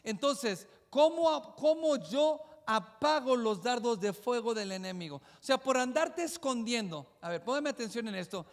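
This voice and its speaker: A male pastor with a very high voice preaches with fervor. He repeats his key lines and keeps asking rhetorical questions. His voice carries through a church sanctuary with a long hall reverb. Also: animated, measured pace, few pauses. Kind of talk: sermon.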